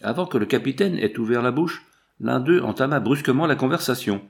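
A man narrating an adventure novel in a steady, measured audiobook reading. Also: mid-range voice, creaky.

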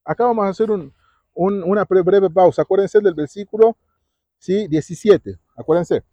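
The speaker, a man leading a Bible talk for preteens at a retreat, keeps putting questions to the audience and finishing lines with "¿sí?". His voice is high-pitched and mellow, at a moderate pace. There's no echo, though the recording is dull and lo-fi.

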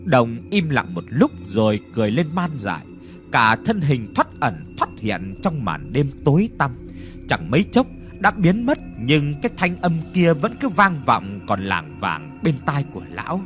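A man reading a ghost story aloud in a dramatic storytelling voice. His pitch sits in a middle register and moves with lively rises and falls. He leans into the suspense of each line. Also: unhurried, faint music behind. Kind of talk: horror story narration.

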